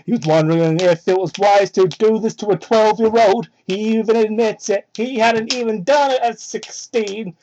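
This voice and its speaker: With hardly any pauses, a young adult moves at normal speed through a mock-dramatic reading of fan fiction, interrupting with sweary, sarcastic commentary. The tone is darkish, and the cheap microphone gives a muffled, low-fidelity sound with slight hiss or hum.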